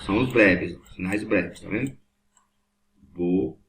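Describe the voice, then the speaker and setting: Guy teaching at the board, low voice, keeps asking if you got it. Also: slow, vocal fry, slight background noise. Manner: patient, repetitive, checks understanding often. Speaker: Hebrew teacher. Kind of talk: classroom lesson at a board.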